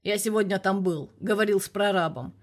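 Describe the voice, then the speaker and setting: A gruff, hot-tempered police colonel barks down the phone, as a woman reader puts him on. His voice comes louder and forceful, blustering and scolding. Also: mid-range voice, fairly quick, natural voice. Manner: loud, blustering.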